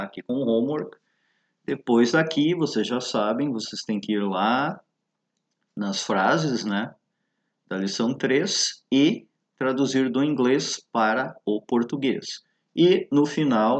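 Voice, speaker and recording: A man teaching a recorded English lesson, explaining step by step and often checking in with his students. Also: lowish voice. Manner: reads English examples slowly and clearly. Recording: dull lo-fi recording.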